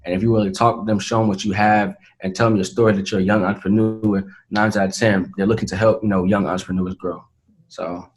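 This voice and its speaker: This interview guest is an eighteen-year-old entrepreneur from Atlanta, Georgia, USA, talking casually with a voice a touch deep for someone so young. He replies earnestly and at a measured pace, often falling back on "um" and "you know," though his delivery is flat and the audio quality is poor.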